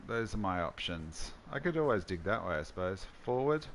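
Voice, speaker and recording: A man's voice: fairly low pitch, very animated, moderate pace, fairly bright tone, a little hiss or hum. A man hosting casual gameplay commentary, musing and thinking aloud as he plays. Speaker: host.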